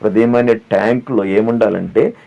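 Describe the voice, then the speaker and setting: Gravelly, dark-voiced man preaching a sermon. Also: fairly low pitch, steady tone, moderate pace. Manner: rhetorical questions, repeats phrases, sings hymn lines. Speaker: pastor. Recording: dull lo-fi audio with faint background.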